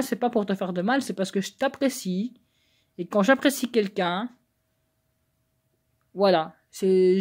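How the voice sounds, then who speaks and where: A woman's voice: a little high, a little mellow. A woman recording a personal video message to one person, rambling and repeating herself as she pleads. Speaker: vlogger.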